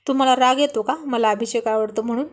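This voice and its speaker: A woman's voice: a little high, quick pace, close to an everyday voice. A woman voicing a sulky, loving young wife pleading with her husband in a Marathi storybook reading. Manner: pleading and coaxing.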